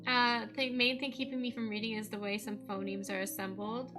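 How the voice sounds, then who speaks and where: A woman from Canada's West Coast, with a Canadian accent, streams gameplay and chats casually, thinking out loud and laughing often. Her pitch is fairly high and her tone level, and she talks a little fast. Game music plays behind her.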